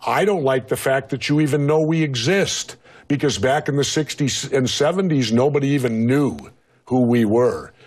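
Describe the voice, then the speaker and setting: A man's voice: medium pitch, moderate pace, a little mellow. A man speaking as a guest in a heated interview, blunt and argumentative, pushing back and talking over the host.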